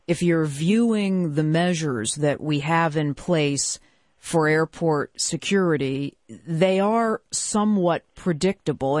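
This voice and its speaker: A man's voice: fairly high pitch, a little mellow, no echo, studio quality. A man hosting a live public radio interview, asking probing questions in a conversational way with some restarts.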